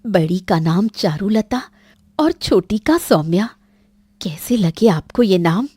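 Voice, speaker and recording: A gentle, sorrowful young village mother, voiced by the narrator. Her voice is mellow, and she speaks slowly. The sound is a dry studio recording. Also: medium pitch, lively intonation, husky, no echo. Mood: tender. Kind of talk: Hindi cartoon story dubbing.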